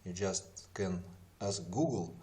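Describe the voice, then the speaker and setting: This software tutorial is narrated step by step by a man whose first language isn't English. He speaks slowly in a low-pitched voice, methodical in his explanations.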